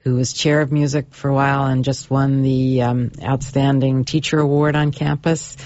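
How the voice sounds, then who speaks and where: A woman's voice: very deep voice, level tone, normal speed, darkish tone, no room sound. Hesitant woman instructor, dry lo-fi sound. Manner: hesitant, many ums. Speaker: university instructor. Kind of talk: radio interview.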